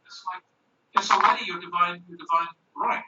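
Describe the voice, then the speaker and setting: A man's voice: sits high, fairly quick, background noise. A man giving an informal lecture to a group, rambling with restarts and frequent "okay?" check-ins. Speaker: speaker teaching a group. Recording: distant, dull, echoey room.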